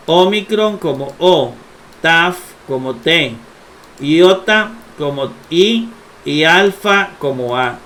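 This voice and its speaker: A middle-aged man gives a recorded grammar lesson at an unhurried pace. His voice sits a little high and sounds bright and forceful. He talks the viewer through each letter patiently, repeating points so they stick. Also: a little hiss or hum. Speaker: Greek grammar teacher.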